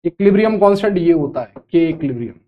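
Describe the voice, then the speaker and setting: High-voiced man teaching chemistry. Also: lively intonation, very fast, narrow, tinny audio. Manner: scolding, teasing, repeats phrases. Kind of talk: online lecture.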